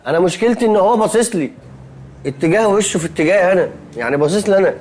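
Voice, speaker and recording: An actor playing a fussy, anxious young man in a TV comedy, speaking with an Egyptian accent and quick to protest. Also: high-pitched, animated, darkish tone, slight background noise. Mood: jittery. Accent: Egyptian Arabic. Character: jittery, fussy young man sharing a hotel room. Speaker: sitcom character. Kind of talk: TV comedy acting.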